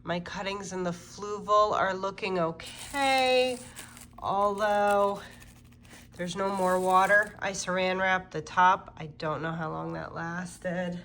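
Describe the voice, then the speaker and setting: A mid-range female voice with slight background noise belongs to a plant-channel host who is congested from a cold. She's relaxed and chatty, using fillers as she moves between rooms in a casual vlog touring her home.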